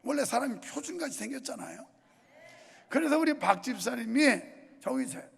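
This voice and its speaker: A man's voice: very high-pitched, lively intonation, a little fast, a bit bright. An older man with a Chungcheong Korean accent, preaching a sermon in a folksy storytelling way with comic dialect imitations. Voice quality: gravelly, husky. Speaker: pastor. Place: large church sanctuary. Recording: reverberant church hall.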